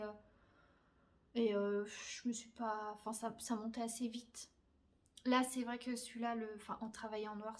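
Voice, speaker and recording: Chatty young Frenchwoman, slangy and loose. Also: a little high. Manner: chatty, many fillers, blunt slangy asides. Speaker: crafting podcaster. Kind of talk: casual chat. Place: her bedroom.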